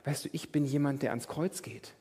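Brief: a pastor voicing a gentle male teacher, husky, in a reverberant church hall. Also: on the high side, steady tone, brisk. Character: calm, gentle male teacher refusing violence.

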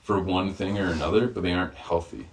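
A man's voice: fairly even intonation, fast talker. A man co-hosting a podcast, chatting casually and swearing offhand. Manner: low-key, swears casually. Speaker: podcast co-host. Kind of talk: casual chat.

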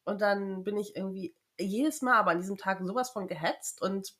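A woman co-hosting a casual chat podcast, talking in a frank, emphatic way with pauses and fillers. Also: medium pitch, a bit bright. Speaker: podcast co-host.

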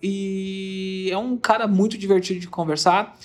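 A man's voice: sits high, steady tone, measured pace, faint music behind. A man with a Brazilian Portuguese accent hosting an interview podcast, talking in an enthusiastic, rambling way. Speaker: podcast host. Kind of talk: casual interview intro.

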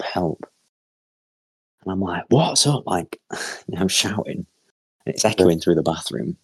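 A man's voice: low-pitched, breathy edge, no room sound. A young man, a podcast co-host rambling through a funny story with lots of fillers and swearing. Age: young adult. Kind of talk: casual chat and anecdote.

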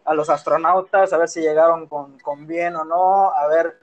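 A man's voice: a little high, steady tone, normal speed. A man from Yucatán in Mexico with a Yucatecan accent, co-hosting a casual podcast in a playful, rambling way, recorded on a phone in his room. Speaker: podcast co-host. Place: his own room at home.

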